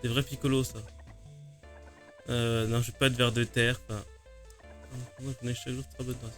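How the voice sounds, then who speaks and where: Male streamer, casual chat with viewers, mid pitch, faint music underneath. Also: little pitch movement, moderate pace. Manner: chatty, self-mocking.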